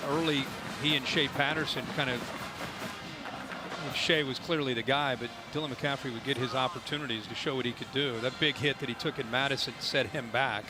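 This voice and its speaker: A man's voice: mid-range voice, fairly even intonation, brisk, over music. A man giving conversational football analysis in live commentary, emphatic and repeating himself.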